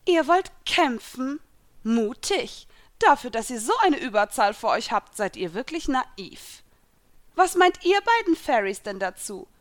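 A woman voicing a mocking young villainess in a fan fiction reading, taunting in a raised, louder voice. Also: sing-song, a little slow. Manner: taunting, sneering, louder and higher.

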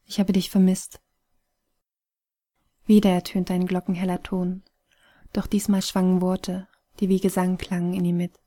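A woman narrating an audiobook story in a soft, hushed, breathy manner. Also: lowish voice, monotone, moderate pace.

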